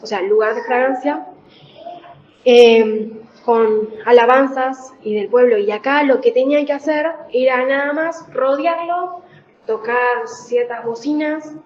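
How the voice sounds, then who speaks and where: A woman preaching a Bible reflection in a conversational way, pausing often with fillers. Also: on the high side, darkish tone, muffled recording. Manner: conversational, with many fillers and pauses. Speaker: church speaker.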